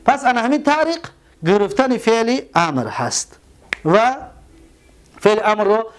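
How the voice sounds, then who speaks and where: Tajik-accented male teacher, fairly high voice, walks through each step, quizzes himself aloud. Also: sing-song, a little hiss or hum. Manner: explains step by step, asks and answers his own questions. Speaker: Arabic grammar teacher. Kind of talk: classroom lesson at a board.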